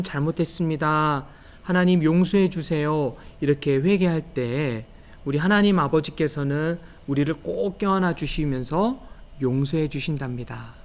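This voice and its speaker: A young man giving a gentle children's sermon, telling a story and asking the little ones questions. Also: on the high side. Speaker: children's pastor.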